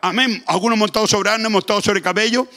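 High, bright-voiced Chilean pastor preaching. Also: male voice, steady tone, fast talker. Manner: fervent preaching, rising to shouts when reading scripture; peppers speech with "amén". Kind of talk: sermon.

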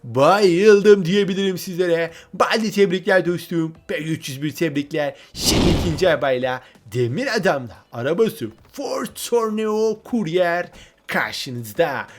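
A man giving excited gameplay commentary, often repeating words in bursts and talking straight to his viewers. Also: fairly high pitch. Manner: excitable, repeats words when thrilled, addresses viewers as friends.

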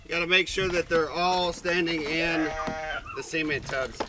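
Man, 30s, folksy farm vlogger; outdoor camera sound, bleating sheep and clear background noise. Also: on the high side, fairly even intonation, normal speed. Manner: folksy, loose, with many fillers. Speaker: farmer vlogger. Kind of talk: casual how-to talk. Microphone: handheld or body camera.

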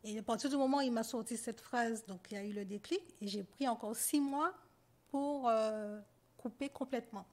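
Soft-spoken woman on a podcast, lots of pauses and ums, talks her way through it slowly. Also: fairly high pitch. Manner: halting, hesitant, many pauses and fillers. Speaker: podcast guest. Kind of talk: personal testimony in conversation.

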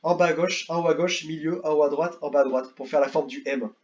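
Young man, casual gaming commentator; rambly, excitable, muffled home recording. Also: a little high, a little fast. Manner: rambling, repeats words, excitable bursts. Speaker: gaming youtuber. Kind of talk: casual tier-list commentary.

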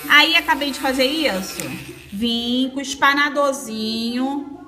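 Her voice sits high and sharp, and she takes her time as she shows a nail technique at a salon table. She's a Brazilian instructor filming a casual tutorial on her phone camera, chatting warmly and reassuring the girls and friends watching.

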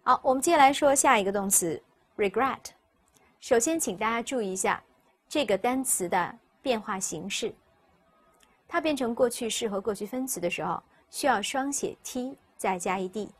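A woman teacher, explaining English vocabulary step by step and repeating each word slowly for students. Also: fairly high pitch, animated, husky. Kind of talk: recorded vocabulary lesson.

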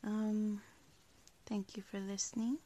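A woman hosting her own podcast, talking casually in a soft, unhurried way with breathy trailing words and a few ums and uhs. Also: medium pitch, little pitch movement. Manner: uses fillers like um and uh. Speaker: podcast host. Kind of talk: casual spoken outro.

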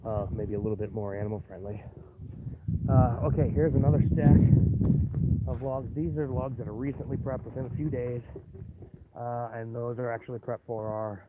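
A man's voice: mid-range voice, steady tone, moderate pace. A man giving a casual walking tour of his homestead, rambling with lots of fillers, recorded outdoors on a handheld phone. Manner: rambling, filler-heavy, chatty. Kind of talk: casual walkaround narration. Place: outdoors on a rural homestead yard. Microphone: phone camera held while walking. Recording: tinny phone-line sound with faint noise.

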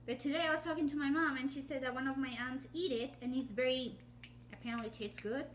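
A woman's voice: high voice, fairly even intonation, fast, slight background noise. A woman, chatting casually as she shows a cooking technique in her home kitchen, rambling, full of fillers and self-corrections. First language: Spanish. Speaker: home cooking channel host. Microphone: phone or camera set up on the counter, framed from the waist up.

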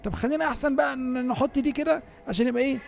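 A man with an Egyptian Arabic accent giving excitable, chatty gameplay commentary and talking straight to his viewers. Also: extremely high pitch, racing, creaky. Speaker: gaming YouTuber.

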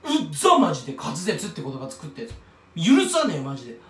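A man rambles through a casual monologue to camera, mocking himself as he stumbles over words and wanders off on tangents. His pitch swings widely from phrase to phrase. He sits a little back from the mic in a roomy, echoing space. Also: wildly swooping pitch, fast talker, recorded from a distance, crowd noise. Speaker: YouTuber commenting on another creator.

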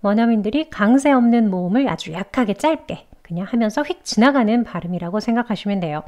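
A woman teaching English pronunciation, explaining mouth and tongue positions clearly and patiently, step by step. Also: medium pitch, expressive, fast talker, darkish tone. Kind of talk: instructional lesson narration.

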